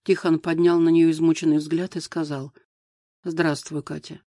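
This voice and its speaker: A man narrating an audiobook in a measured, even way. His voice sits fairly high for a man. The recording is dry and close, with no room sound. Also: dry recording. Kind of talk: scripted narration.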